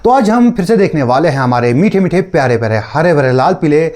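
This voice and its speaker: The host of a video commentary channel casually mocks preacher clips in a teasing, sarcastic tone. His voice is on the high side and expressive, with a darkish tone, and he talks fast.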